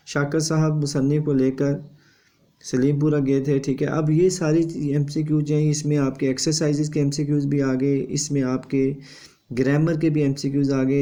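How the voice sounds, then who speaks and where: A man's voice: mid-range voice, mellow. A male teacher giving an exam revision lesson. He lectures steadily and repeats a confirming tag after each point.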